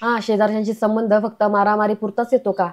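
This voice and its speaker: A woman's voice: medium pitch, little pitch movement, fast talker, natural voice. A woman voicing a bossy, nagging older mother-in-law in a retold family serial. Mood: scolding. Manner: nagging and lecturing.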